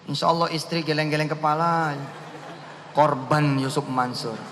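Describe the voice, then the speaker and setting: A man's voice: fairly high pitch, fairly even intonation, moderate pace. A male preacher, giving a playful, teasing sermon in slang, recorded in a hall. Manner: playful, teasing, mixes slang and Quran recitation. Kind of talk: joking sermon. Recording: echoey hall, faint hiss.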